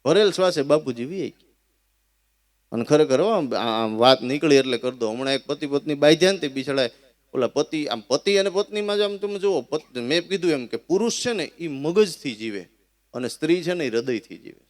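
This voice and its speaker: A man with a Kathiawadi Gujarati accent telling comic folk stories live, animated, often addressing his listeners as sir. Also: a little high, a little fast. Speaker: folk storyteller and schoolteacher.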